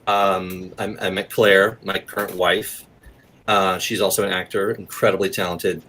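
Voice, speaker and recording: An American man in his forties from the southeastern United States talks casually and candidly about his life as an interview guest, rambling a little. His voice is low and sharp with little pitch movement, his pace measured, and there's slight background noise.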